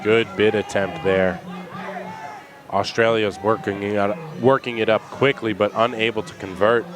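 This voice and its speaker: A man's voice: on the low side, fairly even intonation, moderate pace, over music. A man doing colour commentary at a live outdoor match, analysing tactics and player backgrounds. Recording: loud crowd behind.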